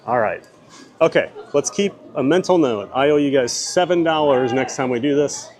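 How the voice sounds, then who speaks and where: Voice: medium pitch, lively intonation, moderate pace. A livestream vlogger chatting casually, politely and upbeat while out at a theme park. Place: theme park shops and walkways. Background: loud background music.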